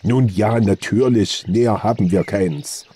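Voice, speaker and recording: A man voicing a gruff old forest hunter. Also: on the low side, measured pace, dark tone, slight background noise, lightly acted. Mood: hearty. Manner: folksy, earthy storytelling speech. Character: old male forest hunter, gruff but good-natured. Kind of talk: audiobook character reading.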